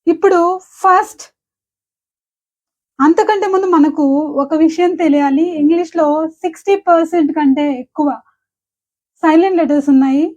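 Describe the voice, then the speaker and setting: A woman with a Telugu accent gives an English pronunciation lesson in a high, light voice. She says each example word slowly and clearly, often more than once, and goes through them one by one. The recording sounds slightly dull and lo-fi. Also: darkish tone. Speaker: English teacher.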